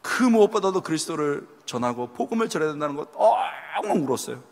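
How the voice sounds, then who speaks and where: A man preaching a sermon to young adults, telling stories with lively delivery and acting out people's lines. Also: on the high side, fast talker, gravelly. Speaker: pastor. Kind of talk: sermon at a youth retreat. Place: church sanctuary. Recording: long hall reverb.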